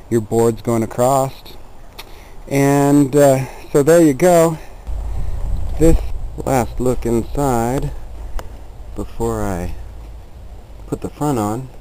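A plainspoken man with a medium-pitched, dark voice casually explains a chicken coop he built, speaking from behind a handheld camera in a yard beside it. The recording is rough, with a little hiss or hum from the camera mic.

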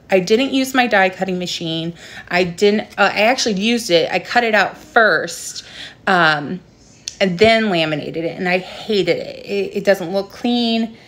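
Speaking casually in a mid-range, fairly bright voice, a young adult woman who hosts livestreams and sells crafts explains a craft step by step. The tutorial is streamed from a small room in her home, captured by a phone set up at arm's length.

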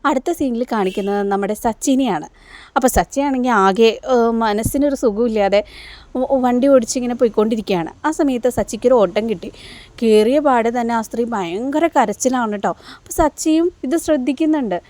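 A woman's voice: fairly high pitch, a little fast, a little mellow. A woman recapping a TV serial in a chatty storytelling way, dropping frequent tag fillers.

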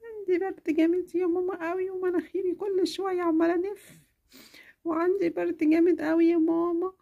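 A woman voicing a sick, eager little girl in a children's cartoon, talking in a soft, whiny, pleading way with an Egyptian accent. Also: extremely high pitch, flat delivery, fairly quick, vocal fry, highs cut off. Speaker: cartoon character.

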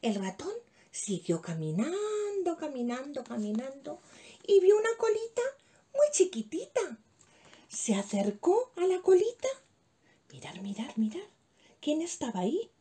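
A woman from telling a children's story as a preschool teacher, reading expressively and playfully with hushed asides to the children. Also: high-pitched, sing-song, unhurried.

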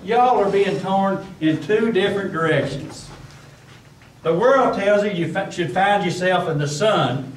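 A man playing a folksy, steady country cousin in an amateur church play, speaking slowly. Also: on the high side, a little hiss or hum, lightly acted. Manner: slow, plain-spoken, preachy. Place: church hall stage. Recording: roomy hall, mic far off.

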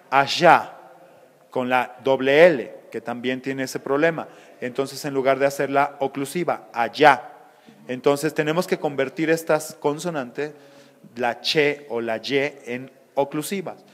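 A man explains phonetics like a patient teacher, giving example after example. His voice is mid-pitched, and the recording carries a long hall reverb. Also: fairly even intonation. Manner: didactic, measured, explains with examples. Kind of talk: explanatory interview answers.

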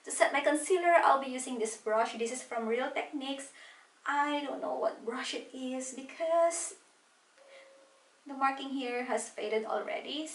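Woman, thirties, beauty vlogger; chatty and step-by-step, high voice, roomy echo. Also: unhurried, far from the mic. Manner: chatty, walks through each product step by step. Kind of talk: casual makeup tutorial. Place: small home room at a desk.

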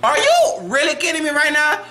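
A young man hosts an impressions challenge with casual, lively banter. His voice is bright and swings widely in pitch as he switches into impression voices. There is faint noise behind him. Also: fairly quick. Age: young adult. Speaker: host of a celebrity impressions challenge. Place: indoor room in front of a plain backdrop.

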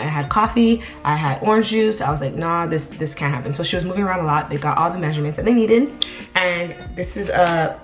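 A young woman talks to her camera in a loose, chatty way, often pausing on an um and restarting her sentences. Her voice sits a little low. Soft music plays faintly underneath. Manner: chatty, many ums and restarts. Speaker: vlogger. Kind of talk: casual vlog chat. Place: indoors at home.

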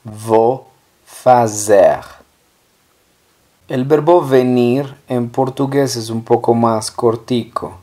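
Patient, slow-speaking male language teacher. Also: medium pitch, steady tone, mellow. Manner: patient, drawn-out model words. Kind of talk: slow language lesson with repeated examples.

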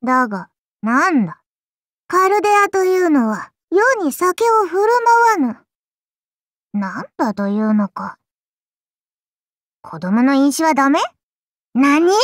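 For anime game voice lines, a woman voices a haughty little oni god-child, now imperious and displeased. Her high, very animated voice moves slowly and grandly, using archaic wording and playful, indulgent condescension, as if an ancient deity were scolding a pet. The studio sound is clean with no echo.

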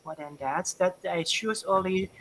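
Thai-accented man with a bright, forceful voice. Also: sits high, slight background noise, low-quality recording. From northeastern Thailand. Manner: halting, repeats words while searching for them. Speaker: university lecturer presenting research. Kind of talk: conference presentation and Q&A answers. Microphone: video call webcam.

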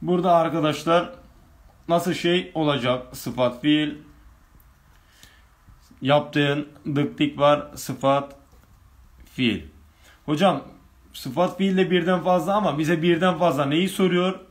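A man's voice: a little high, slow pace, pauses often. A male teacher running an online grammar lesson, reading exam questions aloud and working through each answer step by step with his students.

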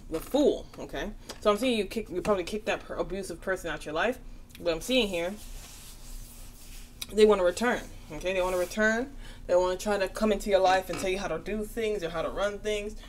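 A woman's voice: medium pitch, brisk, slight background noise. A tired woman giving a casual tarot reading, chatty and reassuring, often checking in with "okay?". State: tired, yawning. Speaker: tarot reader.

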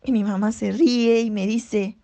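A young woman with an Argentine accent performing a dramatic monologue in a slow, theatrical storytelling manner. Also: a little high, fairly even intonation, warm tone. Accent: Argentine Spanish. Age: young adult. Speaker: acting student.

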